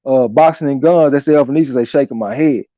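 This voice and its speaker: Casual male boxing stream host: relaxed tone, slangy and profane, reads chat aloud, dull lo-fi sound. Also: medium pitch, fairly quick, no room sound. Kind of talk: casual live chat commentary, reading viewer comments aloud. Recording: dull lo-fi audio.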